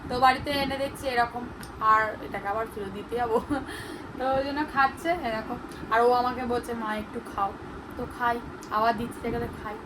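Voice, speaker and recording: A woman's voice: fairly high pitch, steady tone, fairly quick, background noise. A young woman and mother chatting casually to her viewers, laughing often as she shows her family. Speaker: vlogger and mother. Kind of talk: casual vlog narration to viewers. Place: home and a relative's house, indoors.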